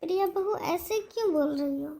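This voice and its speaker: Woman doing an old cartoon mother-in-law, frail, kind, soft-spoken, pleading, very high voice. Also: normal speed, gravelly. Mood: gentle. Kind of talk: cartoon story voice acting.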